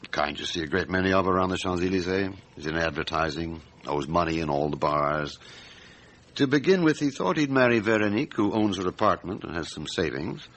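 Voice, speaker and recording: A man playing a calm, middle-aged French police chief inspector in a radio drama, speaking in a measured, deliberate, matter-of-fact way. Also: low voice, exaggerated voice, low-quality recording. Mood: measured, factual.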